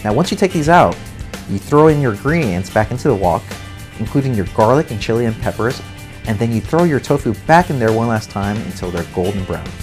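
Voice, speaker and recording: A man's voice: fairly low pitch, animated, fairly quick, a little mellow, faint music behind. A man narrating a food and wine show, explaining recipes step by step in an upbeat way. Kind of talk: cooking show voice-over narration.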